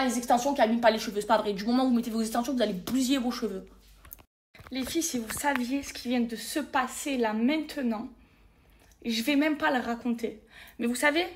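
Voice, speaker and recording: A woman's voice: high voice, fairly bright tone. An irritated woman venting to her followers in a casual vlog, emphatic and repeating words and oaths for force, speaking into a phone held close. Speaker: social media personality.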